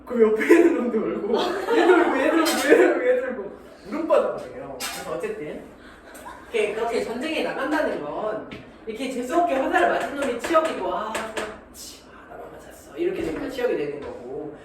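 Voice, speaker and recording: Lively, high-voiced male math teacher, jokey and slangy, heard from far off in a roomy classroom. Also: fast, crowd noise. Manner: animated, joking, acts out little scenes; slangy, keeps checking understanding. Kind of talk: classroom lecture. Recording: echoey room from far off, noisy.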